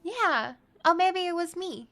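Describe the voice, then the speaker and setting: A woman playing a friendly, slightly awkward elf adventurer in a tabletop game, speaking politely and haltingly. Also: extremely high pitch, expressive, fairly bright tone, faint music behind, pitched above the performer's own voice, full character voice.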